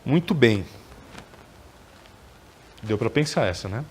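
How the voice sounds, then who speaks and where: A man lectures at a spiritist center in an easy, conversational way. His pitch sits in the middle, and he keeps checking in with the audience through short tag questions. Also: lively intonation, slow, slight background noise. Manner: conversational, frequent tag questions, acts out quoted dialogue.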